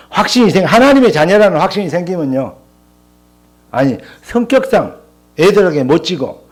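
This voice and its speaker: An older man, a pastor, preaching a sermon in church and telling stories with quoted dialogue. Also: a little high. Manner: animated storytelling with quoted dialogue.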